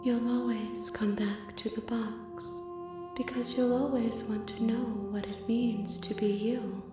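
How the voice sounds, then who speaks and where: A woman playing an infinite, otherworldly princess entity in a video game, speaking in a serene, measured, cryptic and poetic way. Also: fairly high pitch, close to an everyday voice. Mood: hushed, cryptic. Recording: echoing voice under game music. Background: clear background music.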